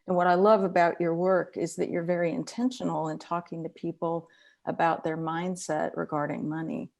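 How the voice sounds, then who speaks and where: A woman's voice: lowish voice, flat delivery, moderate pace, gravelly, a little mellow. A middle-aged woman, a psychologist, hosting an online interview, asking questions with enthusiasm on a video call.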